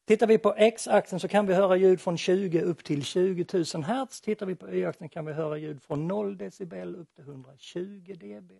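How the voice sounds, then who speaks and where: Gravelly, husky male lecturer. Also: high voice, few pauses, dark tone, no room sound, clean studio sound. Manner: explanatory with light humor. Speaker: acoustics presenter. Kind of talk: lecture presentation.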